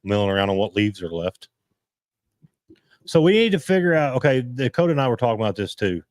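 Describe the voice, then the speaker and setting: A man hosting a casual live-stream chat, rambling and halting as he restarts his sentences. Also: medium pitch, big pitch swings, no echo, studio quality. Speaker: host.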